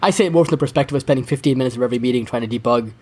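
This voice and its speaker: A man talking quickly in an easygoing interview, tripping over his words and restarting sentences. His voice sits at a middling pitch, and the chat flows loose and unscripted. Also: darkish tone, breathy edge. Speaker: podcast guest.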